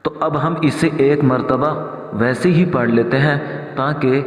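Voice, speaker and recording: Man teaching tajweed, echoey hall. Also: mid-range voice. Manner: explains in plain talk, then chants verses slowly and drawn out. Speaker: Quran recitation teacher. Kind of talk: tajweed lesson with chanted recitation.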